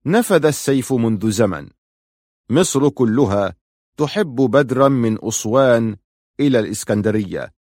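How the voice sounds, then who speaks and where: A man voicing a commanding male army chief, declaiming forcefully in an audiobook reading. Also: lowish voice, no echo, studio quality.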